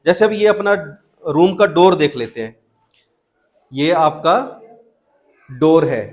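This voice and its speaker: High-voiced man teaching a classroom. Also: animated, takes it slowly, darkish tone. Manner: questioning, coaxing students to answer. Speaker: school math teacher. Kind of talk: classroom teaching, mixing Hindi and English.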